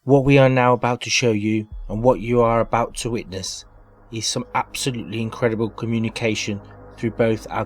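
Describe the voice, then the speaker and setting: Male documentary narrator, lower register, dramatic and building suspense, music bed underneath. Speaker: presenter and narrator. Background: music under voice-over.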